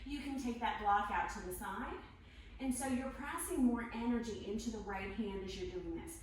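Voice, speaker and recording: A woman leading a workout class as an aerobics instructor, counting and cueing moves in short encouraging commands as she exercises along. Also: medium pitch. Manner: physically exerting while talking. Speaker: fitness instructor. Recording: very echoey room, distant mic, faint noise.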